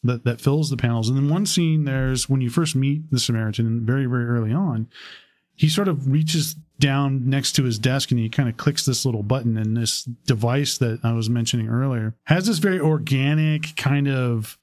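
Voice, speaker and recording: A man co-hosting a podcast, talking casually with animated asides and frequent restarts. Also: mid-range voice, moderate pace, dry recording. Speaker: podcast co-host. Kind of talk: casual chat.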